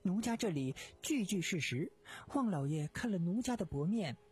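A woman's voice: fairly low pitch, animated, moderate pace, darkish tone, slightly rough, faint music behind. A woman voicing a young wronged wife who earnestly recounts her ordeal in radio storytelling. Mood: pleading. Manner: earnest, pleading first-person telling. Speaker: storyteller voice of a female character.

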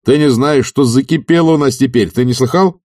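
A man reading an audiobook, voicing an energetic, loyal friend who talks in an urgent, insistent way. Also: mid-range voice, fairly quick, no echo, studio quality, voice pushed up, natural voice. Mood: urging.

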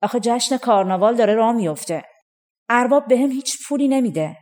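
A woman's voice: fairly high pitch, lively intonation, a little mellow, natural voice. A woman voicing a poor young farmhand boy in a folk tale, earnest and plaintive.

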